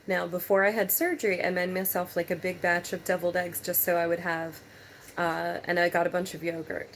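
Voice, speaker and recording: Tired, low-voiced woman, flat and halting. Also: a little hiss or hum. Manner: halting, hesitant delivery with long pauses. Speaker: patient vlogger. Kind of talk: casual personal vlog.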